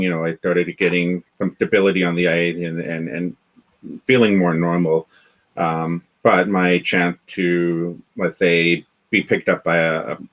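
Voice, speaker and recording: Deep-voiced Canadian man, rambling chat. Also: fairly bright tone, poor audio. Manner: rambling, many restarts and fillers. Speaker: guest, developer community founder. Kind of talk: casual interview chat. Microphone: video call.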